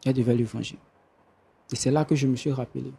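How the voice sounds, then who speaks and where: A man telling a confession as a guest on a talk show, slow and halting. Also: medium pitch, fairly even intonation, gravelly, dark tone, slightly rough. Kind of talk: confessional storytelling.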